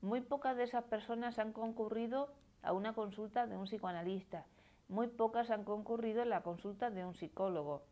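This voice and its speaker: A woman's voice: on the high side, fairly quick, dull audio. Andalusian woman psychoanalyst explaining on a live stream. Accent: Spanish from Málaga. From Spain. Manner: explanatory, tags phrases with questioning "¿no?". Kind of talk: live-streamed talk answering viewer comments.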